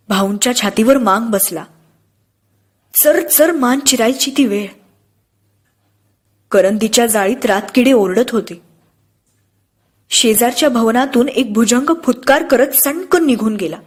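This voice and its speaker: A woman narrating an audiobook in a steady, expressive storytelling manner. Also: fairly high pitch, slightly rough.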